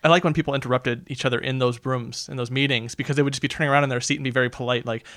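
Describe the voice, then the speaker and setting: Quick chatty guy talking movies, says like constantly, dry close mic. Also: medium pitch, steady tone, fairly bright tone, no room sound. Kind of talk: casual film discussion.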